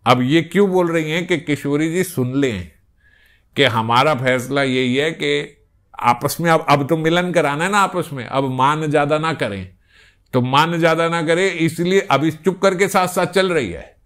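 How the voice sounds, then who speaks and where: A man giving a devotional scripture discourse, explaining a story and reciting verses slowly. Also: on the high side, fairly bright tone. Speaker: spiritual discourse speaker.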